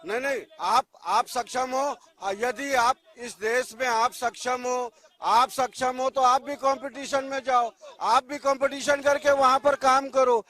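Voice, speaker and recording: Guy on a debate panel, very high voice, keeps repeating himself like a lecture. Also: steady tone, unhurried, sharp tone. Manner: lecturing, repeating his points. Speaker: debate panelist, ruling party side. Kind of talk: TV news debate argument.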